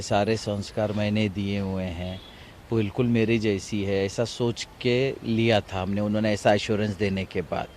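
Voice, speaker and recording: Middle-aged man, grieving father, halting and repetitive, outdoors, faint traffic behind. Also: fairly low pitch, darkish tone. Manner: halting, grief-stricken, repetitive. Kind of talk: emotional TV interview.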